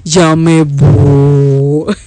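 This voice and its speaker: Speaking very slowly in a low-sitting voice with little pitch movement, this Salvadoran woman in her fifties hosts a casual live stream. A church worship leader, she chats affectionately, reads out comments from viewers, and laughs frequently, all in a Salvadoran Spanish accent.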